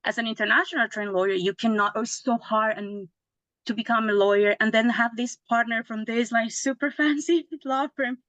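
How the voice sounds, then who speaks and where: A woman's voice: a little high, steady tone, normal speed, a bit bright, no echo. A woman, a lawyer telling her story in a casual interview, chatty with many restarts and tag questions. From Mexico. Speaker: guest lawyer.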